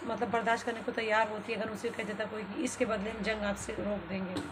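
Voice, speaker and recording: A woman's voice: medium pitch, flat delivery, quick pace, noisy background. A woman vlogging from her home under renovation, ranting with indignation and laughing as she tells her story. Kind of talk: casual vlog talk.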